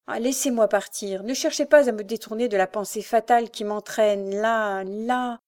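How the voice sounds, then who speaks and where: A woman's voice: a little high, normal speed, darkish tone, close to an everyday voice. A woman voicing a desperate, tormented young woman thief with pleading, impassioned outbursts. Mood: anguished.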